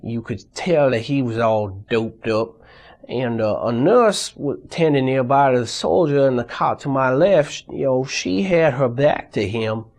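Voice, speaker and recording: A man interviewed in a mock documentary, telling his war story in an earnest, halting way. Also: medium pitch, a little mellow.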